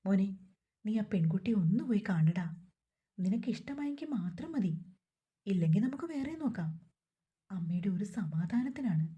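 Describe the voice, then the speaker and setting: A middle-aged mother who alternately coaxes and scolds her son, voiced by a woman narrator. Her tone is dark and soft with a husky grain. Told as a storybook reading. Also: medium pitch, lively intonation, normal speed, pauses often, lo-fi sound. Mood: coaxing. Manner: coaxing, scolding.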